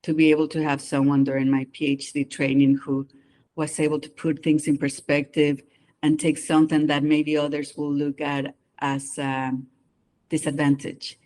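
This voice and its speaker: A medium-pitched, monotone voice with a darkish tone moves at a moderate pace as a psychologist guest discusses doing immigration evaluations. Speaking with a mixed non-native English accent, they explain the work earnestly and open up about personal experience in conversation with an interviewer.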